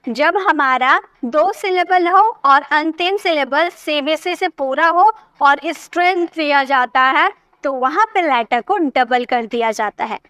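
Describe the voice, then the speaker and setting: A woman's voice: high-pitched, slow pace, few pauses, fairly bright tone, no echo. A woman teaching a spoken English lesson, patiently repeating points and checking that learners follow.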